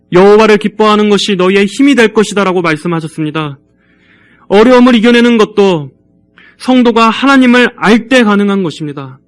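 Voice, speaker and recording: A male pastor delivering a church sermon, earnestly urging the congregation in a measured way. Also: high-pitched.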